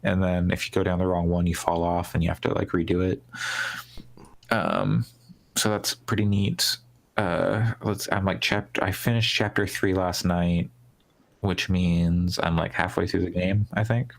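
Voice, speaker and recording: A man's voice: low-pitched, level tone, unhurried, creaky. A man co-hosting a gaming podcast, chatting casually and rambling with lots of "like" and restarts. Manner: rambling, heavy use of "like", trailing restarts. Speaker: podcast co-host.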